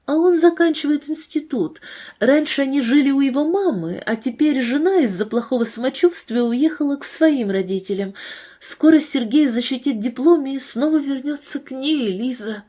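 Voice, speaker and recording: A woman's voice: sits high, expressive, moderate pace, dark tone, voice pushed up. A woman voicing a concerned young woman friend who speaks earnestly, with a warning tone.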